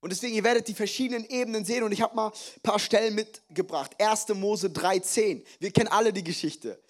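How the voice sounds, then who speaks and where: A young man preaching a sermon as pastor, lively and joking, slipping in English phrases. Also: high voice, a little fast.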